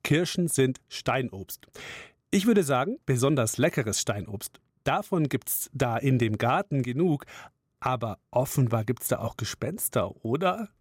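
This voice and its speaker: A man's voice: medium pitch, big pitch swings, unhurried, slightly rough, no room sound, clean studio sound. A man hosting the quiz part of a children's audio show, chatty and friendly as he talks to the children. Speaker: quiz host.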